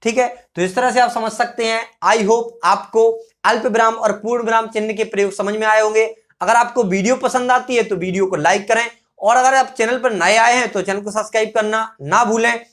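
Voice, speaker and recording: A male teacher giving an explanatory grammar lesson. He asks rhetorical questions, answers them himself, and repeats example sentences slowly. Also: sits high, steady tone, fairly bright tone.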